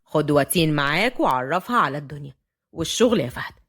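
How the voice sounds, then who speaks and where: A woman doing a stern, low-voiced old patriarch grandfather. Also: expressive, fast talker. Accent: Upper Egyptian Arabic. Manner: stern and commanding. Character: strict, authoritative old grandfather, family patriarch.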